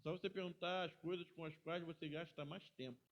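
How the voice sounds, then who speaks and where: A middle-aged man, a pastor teaching a Bible school class in a chatty way, often ending sentences with a quick tag question. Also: fairly high pitch, steady tone, muffled recording.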